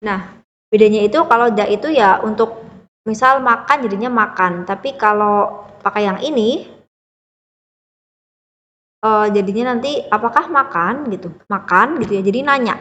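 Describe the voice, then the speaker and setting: A woman's voice: mid-range voice, normal speed, long pauses, fairly bright tone, big-room sound, lo-fi sound. A woman teaching a beginner language lesson, explaining patiently step by step and checking in often with the listener. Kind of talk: classroom-style lesson explanation.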